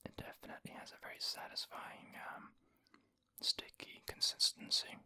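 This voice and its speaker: A person whispering an ASMR food review in a breathy, unvoiced voice, savoring and unhurried, close to the microphone. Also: pushed and bright. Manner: savoring, unhurried, with eating and mouth sounds. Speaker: ASMR video creator and host.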